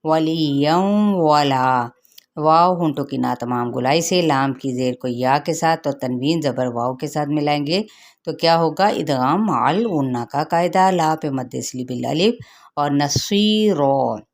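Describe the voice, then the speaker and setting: Slow, patient woman teaching recitation. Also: sits low. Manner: slow, patient explaining with rhetorical questions to students. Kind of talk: tajweed lesson explaining recitation rules.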